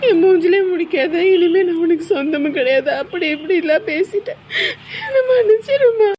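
A woman's voice: very high voice, steady tone, brisk, darkish tone, faint music behind. A woman acting a grown daughter who weeps as she begs her mother's forgiveness, in an amateur family drama. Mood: tearful. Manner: pleading, apologetic. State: crying. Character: remorseful grown daughter, tearful and pleading.

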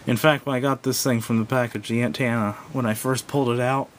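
Speaking quickly with fairly even intonation, a man gives a hands-on product review that's casual and unscripted, full of hesitation, tangents and self-corrections. He's indoors at a wooden table. The home audio is noisy, with a low rumble.

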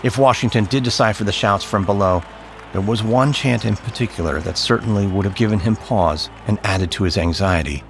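Low-voiced man narrating history. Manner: measured, solemn storytelling. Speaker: podcast narrator. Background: faint background music.

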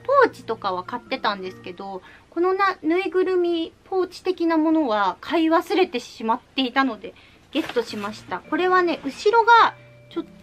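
A bubbly woman talks through her recent purchases in an easy, chatty way. Her voice sits high and swoops up and down, lively and expressive. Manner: bubbly and chatty, cheerful "jaan" reveals. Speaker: vlogger showing recent purchases. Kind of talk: casual haul video chat.

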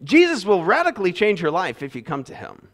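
A man in his thirties preaching a sermon on a church stage through a headset mic, swinging between loud emphasis and quiet asides. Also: sits high, huge pitch swings, brisk. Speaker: pastor. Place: church stage with windows behind.

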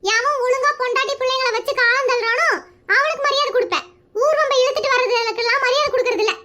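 A sharp-tongued married woman in a cartoon comedy, as a woman voices her. She sounds very high and bright, and her jabs come out rapid-fire. She is quick to scold and quick to mock. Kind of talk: animated comedy voice acting.

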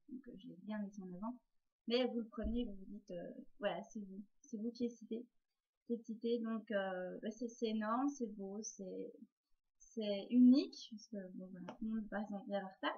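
A woman's voice: mid-range voice, a little mellow, lo-fi sound. A woman book blogger talking through her year in a casual vlog, chatty, with frequent hesitations and repeated words.

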